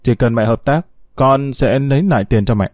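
A man reading a story aloud and voicing a grown son who fires sharp, accusing questions at his mother. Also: medium pitch, moderate pace, no echo, studio quality, natural voice. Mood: pressing.

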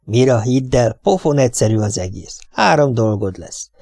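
A nervous husband talks his wife round in a steady, coaxing tone, as a male audiobook reader plays him. His voice is gravelly and heard close and dry. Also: medium pitch, dry recording. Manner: coaxing, reassuring, plain.

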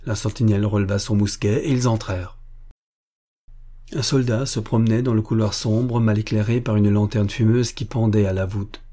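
A man reading an adventure novel aloud as an audiobook, in a measured, even narration. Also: on the low side.

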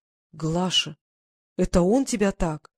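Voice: medium pitch, animated, slow, no room sound, clean studio sound. Narrator voicing a worried, protective young man.

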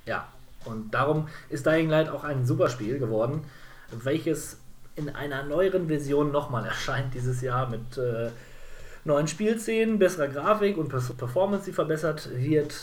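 A man's voice: fairly high pitch, moderate pace. A man co-hosting a casual games podcast, rambling with many fillers and self-corrections. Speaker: podcast co-host. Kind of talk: casual game podcast chat.

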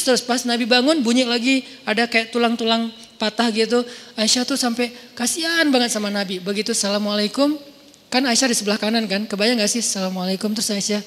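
Man, high voice, casual animated sermon, playful storytelling, long mosque reverb. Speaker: preacher. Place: large mosque hall.

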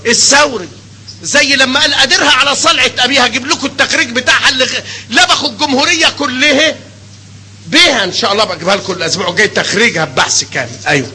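An older man with an Egyptian Arabic accent teaching a hadith class, animated and constantly quizzing his students with questions. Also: very high-pitched, very fast, rough recording. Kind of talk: classroom lecture.

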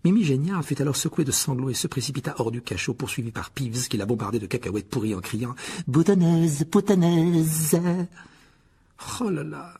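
A man reading a novel aloud as audiobook narrator, lively storytelling. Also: mid-range voice, fast talker, few pauses, slightly rough. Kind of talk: scripted narration.

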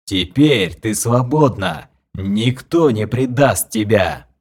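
A man voicing a gloating, bloody undead old woman with a grating voice, speaking slowly and solemnly in an audiobook. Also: medium pitch, expressive, a little mellow, slightly rough, exaggerated voice. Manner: slow, solemn, gloating delivery. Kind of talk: audiobook character voice.

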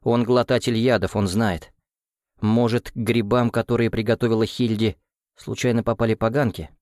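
A man's voice: lowish voice, flat delivery, normal speed, darkish tone, no room sound, close to an everyday voice. A level-headed young woman who speaks firmly and plainly, close to the reader's own tone, as a man puts her on. She is a storybook character.

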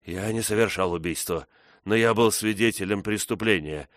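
A man's voice: fairly low pitch, normal speed, fairly bright tone, dry recording, studio quality, natural voice. A man voicing a frightened accused man who speaks with feverish urgency, in a read-aloud story.

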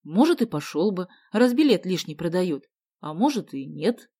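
A woman voicing a good-natured schoolboy who talks calmly and mildly. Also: lowish voice, moderate pace, husky, full character voice. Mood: easygoing. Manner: calm, mild, sighing.

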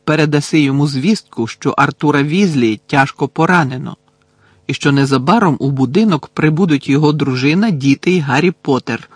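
A man reading an audiobook, voicing a calm, commanding old male headmaster wizard in a measured, firm way. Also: fairly high pitch, breathy edge, dry recording.

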